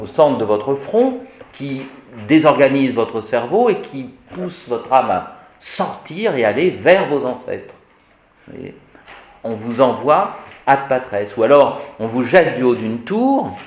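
A man lecturing on Latin grammar, unhurried and deliberate, with a lively voice that swings up and down as he drives home his points. He keeps checking in with his listeners and paints vivid examples. The sound carries a roomy echo. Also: medium pitch. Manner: animated, repeats "vous voyez", vivid examples. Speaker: Latin teacher. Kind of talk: classroom lecture.

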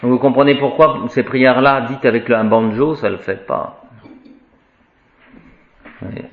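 Man, Latin teacher, chants declensions, slow, echoey lo-fi classroom recording. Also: mid-range voice, gravelly. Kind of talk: classroom grammar lesson. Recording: echoey room, dull lo-fi sound.

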